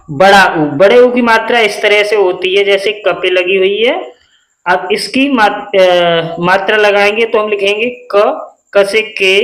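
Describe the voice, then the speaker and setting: Slow, deliberate male teacher in an echoey room. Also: high-pitched, fairly bright tone. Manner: deliberate, spells letters out one by one and asks the class quick questions. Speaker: English teacher. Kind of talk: step-by-step spelling lesson.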